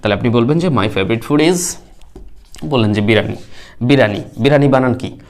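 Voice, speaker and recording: A man's voice: medium pitch, brisk. A middle-aged man teaching spoken English at a whiteboard. He explains step by step and acts out learners' broken answers. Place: classroom.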